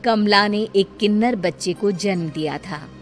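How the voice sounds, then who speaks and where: A woman narrates a scripted tale in a mid-pitched voice. She serves as storyteller while music plays clearly behind her. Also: unhurried.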